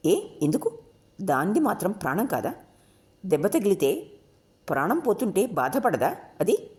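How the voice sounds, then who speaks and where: Brief: idealistic young woman, emotional and soft, voiced by a woman narrator, lively and mellow. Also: medium pitch, a little slow, voice pushed up. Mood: tearful pleading. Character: idealistic tender-hearted young college woman.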